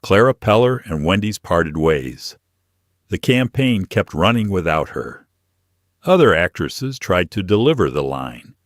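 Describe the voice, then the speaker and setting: A man reading a scripted documentary narration in short, measured, declarative sentences. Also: low voice, sing-song, no room sound, clean studio sound.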